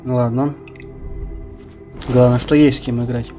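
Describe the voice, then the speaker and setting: A man's voice: medium pitch, level tone, a little slow, dark tone. A man giving casual gameplay commentary, muttering running remarks to his opponent as he plays. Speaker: gamer commentating own online matches. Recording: game music behind the voice. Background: fighting game music and sound.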